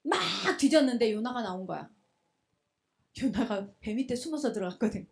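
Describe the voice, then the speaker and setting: A woman preacher telling a scripture story to young adults, lively and full of rhetorical questions, in a church. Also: a little high, brisk, a little hiss or hum. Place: church hall.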